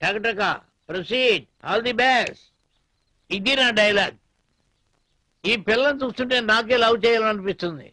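A man's voice: high-pitched, measured pace, long pauses, pushed and bright, no room sound. A man playing a jovial family elder cheering on a romance. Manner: jovial, encouraging. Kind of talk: comic film dialogue.

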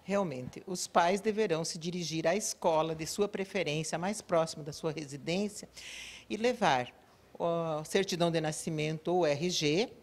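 A woman's voice: low-pitched, normal speed. A woman in her sixties, an education official, methodically explaining procedures in an office interview into a reporter's microphone. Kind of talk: news interview answers. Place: indoor office. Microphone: reporter's handheld mic.

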